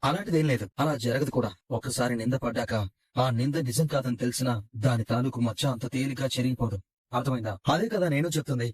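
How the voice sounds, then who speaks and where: A man's voice: medium pitch, fast, darkish tone, breathy edge, close to an everyday voice. A man playing a scheming elder brother who lectures his sister dismissively. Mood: lecturing. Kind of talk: Telugu TV serial acting.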